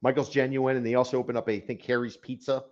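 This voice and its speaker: A man's voice: medium pitch, little pitch movement, fast talker, a little mellow, highs cut off. A man co-hosting a real estate talk show, explaining things casually with a sarcastic edge and repeated phrases. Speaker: real estate consultant, co-host.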